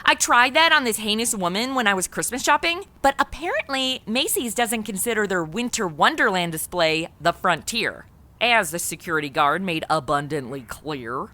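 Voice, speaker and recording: A woman hosts and narrates a comedy audio drama podcast in a cheeky, sarcastic, conversational manner. Her mid-range voice has lively intonation and a sharp tone, at a moderate pace.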